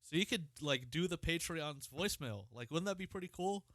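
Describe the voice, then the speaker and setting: Brisk and somewhat high-voiced, this man co-hosts a podcast and launches into a casual, animated rant full of profanity. He comes from Ohio, United States, and the recording is dry.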